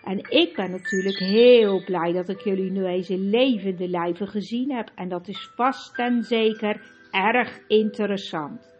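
A woman's voice: mid-range voice, a little slow, lo-fi sound, soft background music, close to an everyday voice. A woman voicing a fussy, hesitant male dwarf who stammers and apologizes in an audiobook.

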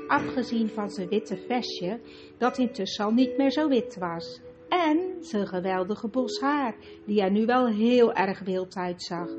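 A woman narrating a children's storybook in a lively way, with asides to the listener. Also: fairly high pitch. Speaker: audiobook narrator. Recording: lo-fi with music behind.

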